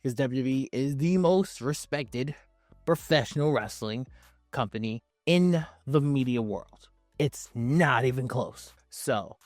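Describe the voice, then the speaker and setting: A man's voice: medium pitch, dry recording, studio quality. A man hosting a countdown video with casual, opinionated commentary, speaking emphatically in slang with swearing and repeating phrases for stress. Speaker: video host ranking wrestling promos.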